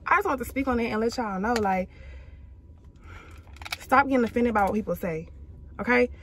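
A woman's voice: fairly high pitch, moderate pace, slight background noise. A young adult woman vlogger chatting casually from a car, blunt and emphatic, with slang and laughs. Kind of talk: casual chat. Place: inside a car.

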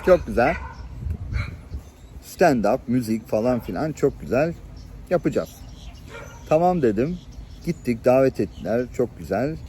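A middle-aged man telling personal stories to the camera in a lively, chatty way, chuckling now and then and acting out the people in them. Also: mid-range voice, a little slow, long pauses, slight background noise. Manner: lively anecdotal storytelling, chuckles and acts out voices. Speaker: channel host. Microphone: camera-facing, showing viewers things on screen.

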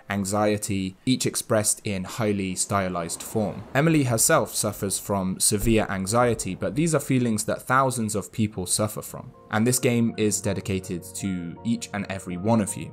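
Brief: low-voiced man, dry candid reviewer narration, faint music under it. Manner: wry, dry, candid, chuckles at his own jokes. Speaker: game reviewer.

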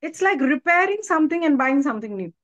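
A middle-aged woman with an Indian English accent talks as a vocal coach in an interview, her voice sitting high. She explains voice technique patiently and breaks into small demonstrations. The sound is dry and a little muffled. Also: lively intonation, fast, no room sound. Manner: explains with sung and spoken demonstrations. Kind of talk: interview conversation.

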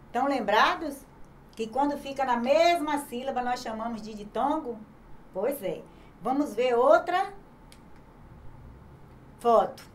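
A woman's voice: sits high, slight background noise. A woman with a Brazilian accent teaching an online grammar lesson to children, sounding words out syllable by syllable and asking questions she answers herself. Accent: Brazilian Portuguese. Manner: slow, patient, spelling words out syllable by syllable; asks the class questions and answers them herself. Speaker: primary school teacher.

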